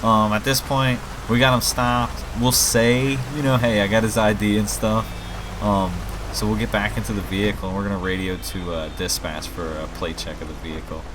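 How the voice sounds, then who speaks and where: A gaming video host who also makes mods offers casual let's play commentary, thinking out loud and addressing his viewers. His voice is fairly low and level, at a moderate pace. Behind him, video game rain, vehicles and city ambience come through clearly.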